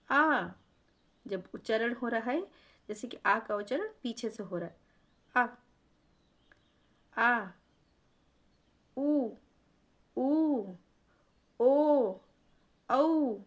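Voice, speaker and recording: A woman teaching a lesson on vowel pronunciation, patiently explaining and repeating vowel sounds for learners to copy. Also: on the high side. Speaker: Hindi grammar teacher.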